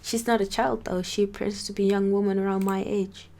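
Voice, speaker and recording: A woman's voice: mid-range voice, little pitch movement, brisk, warm tone. Stumbling amateur woman story reader. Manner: stumbles and restarts words, breaks in with casual asides. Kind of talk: amateur reading of a first-person story.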